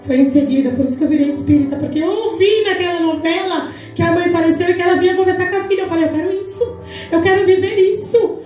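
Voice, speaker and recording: Here the Brazilian deaconess, in her forties, talks quickly in a very high, somewhat mellow voice, her accent Brazilian Portuguese. At a church women's congress she delivers an emphatic testimony, performing the dialogue she recounts. The sound is distant and echoey, from a large church hall, with faint music in the background.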